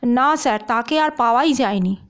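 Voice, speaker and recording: A woman's voice: on the high side, normal speed, natural voice. Woman doing a servile hulking police officer. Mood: deferential. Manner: keeps saying "sir", hesitant fillers. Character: huge fearsome-looking male police officer, servile.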